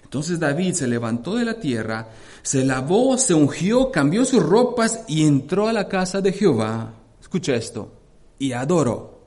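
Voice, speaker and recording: A man's voice: sing-song, a little slow, a little mellow. A male pastor preaching a sermon with fervent energy, reading scripture aloud and often addressing the congregation as brothers. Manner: reads scripture aloud with dramatic rises in pitch and force.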